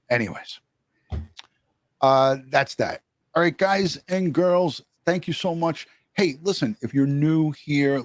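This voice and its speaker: A male live-stream host, chatty and casual, reading out viewer comments. His pitch is mid-range for a man. The sound is dry and close, with no room to it. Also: a little mellow, no room sound.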